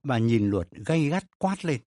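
A man narrating a family story in an expressive, dramatic reading style. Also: mid-range voice, unhurried, no echo, studio quality.

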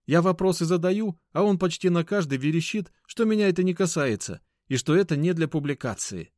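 A man's voice: fairly high pitch, expressive, brisk, a little mellow, dry recording, clean studio sound, pitched above the performer's own voice, natural voice. A man voicing a touchy young male reporter who protests and sulks emphatically. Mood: indignant. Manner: indignant, sulky, emphatic. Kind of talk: audiobook character voice.

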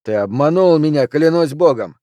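A man voicing a hot-tempered loud poker loser in an audiobook, shouting coarse accusations. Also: on the high side, moderate pace, no echo, natural voice. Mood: furious. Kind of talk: audiobook character reading.

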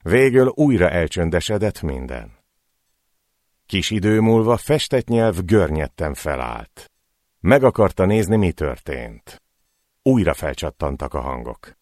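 Brief: deep male audiobook reader, lively pitch swings, dry close sound. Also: no echo. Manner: dramatic, voicing cries in the scenes. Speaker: audiobook narrator. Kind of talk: scripted narration of a short story.

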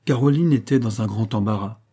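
A man narrating a classic novel in an even, measured reading. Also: on the low side. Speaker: audiobook narrator. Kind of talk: scripted narration.

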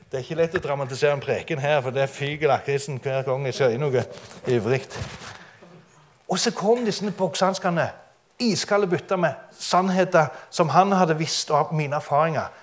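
A man's voice: fairly high pitch, a little hiss or hum. A man giving a testimony sermon, telling his story dramatically and often laughing.

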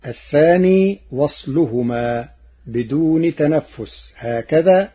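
A man giving a formal religious explanation on the radio, intoning quoted verses slowly and deliberately. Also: on the high side, animated, husky. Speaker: radio presenter explaining Quran reading variants. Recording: dull lo-fi archival radio recording.

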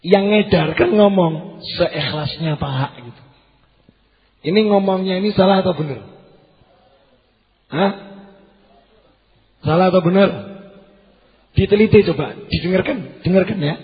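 Soft-spoken Javanese-accented preacher in a hall. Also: male voice, high-pitched, normal speed, long pauses, lo-fi sound. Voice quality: softened, quiet voice. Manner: questions the audience, mixes local words. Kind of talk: sermon.

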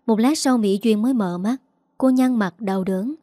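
A woman narrating an audiobook story in a steady, even manner. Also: on the high side, normal speed, no echo, clean studio sound.

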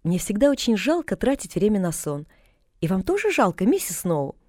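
A woman voicing a cheerful, chatty young girl who talks in a bright, excited, gushing way in an audiobook. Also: mid-range voice, normal speed, no echo, studio quality, natural voice. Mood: eager. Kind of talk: audiobook character reading.

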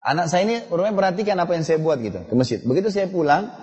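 A middle-aged man preaches and tells family stories in a conversational way, talking straight to his listeners. His voice sits a little high but sounds warm and mellow. A long reverb trails his words, as if he were in a large hall. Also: expressive, very fast. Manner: conversational storytelling, addresses the audience directly. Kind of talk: Islamic sermon with personal stories.

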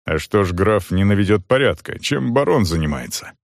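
A man's voice: fairly low pitch, expressive, moderate pace, creaky, dry recording, clean studio sound. A man voicing a blunt, commanding wounded soldier who speaks curtly. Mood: stern. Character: gruff wounded male soldier, stern master.

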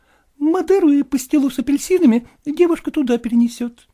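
A man's voice: extremely high pitch, a little fast, dark tone, voice pushed up. Man putting on a bossy young hostess. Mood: brisk.

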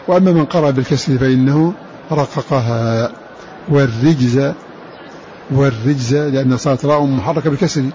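A man teaching the variant readings of the Quran, explaining slowly, repeating words and chanting verse lines. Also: a little high, warm tone, dull audio, slight background noise.

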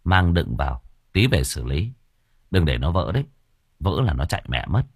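A man's voice: very deep voice, big pitch swings, moderate pace, husky, no room sound, clean studio sound, pitched below the performer's own voice, exaggerated voice. Man doing a brusque commanding exorcist. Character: calm, commanding young male exorcist.

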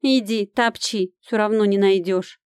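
A woman voicing a grumpy, frightened old village woman who fiercely shields her son, snapping back in a defiant, drawn-out voice. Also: a little high, steady tone, clear, resonant tone, no echo, clean studio sound, pitched above the performer's own voice, natural voice. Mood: grumbling defiant.

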